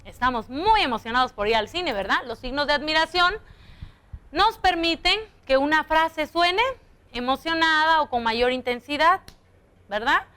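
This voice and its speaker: A young woman teaching a primary school lesson on television, patient and slow, stretching out example sentences to show how they sound. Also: sits high, bright, forceful tone.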